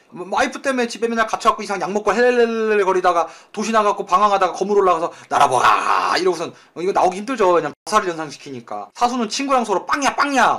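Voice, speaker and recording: Fast, high-voiced joking male tutor. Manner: blunt, joking, crude slang; animated retellings with acted voices. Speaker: Korean-language exam tutor. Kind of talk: lecture.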